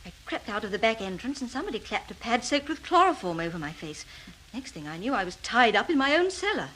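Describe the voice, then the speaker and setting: A woman's voice: on the high side, big pitch swings, fast, a bit bright, rough recording. Bitter, weary freed captive woman. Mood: shaken. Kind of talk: scripted radio thriller acting.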